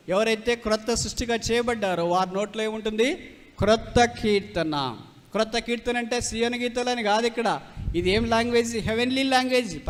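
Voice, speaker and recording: High-voiced preacher in an echoing hall. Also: male voice. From Rayalaseema, India. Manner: emphatic, repeats phrases, mixes English terms. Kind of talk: sermon. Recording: long hall reverb.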